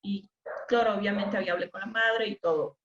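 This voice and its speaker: A woman's voice: medium pitch, steady tone, brisk, background noise. A woman giving an informal webinar lecture with an Ecuadorian Spanish accent, talkative, often restarting and correcting her words as she tells anecdotes. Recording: echoey, dull webinar audio.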